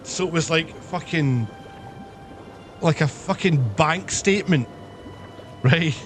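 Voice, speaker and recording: A man streamer telling a story casually on a live stream, swearing heavily and animated in his retelling. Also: a little high, slow pace, faint music behind.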